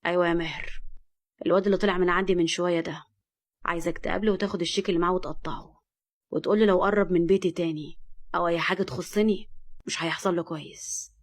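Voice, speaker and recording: A woman with an Egyptian accent voicing a cold, domineering rich man who speaks curtly and low. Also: fairly even intonation, rapid-fire, long pauses, lightly acted. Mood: cold, commanding. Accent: Egyptian Arabic. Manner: curt, low and menacing.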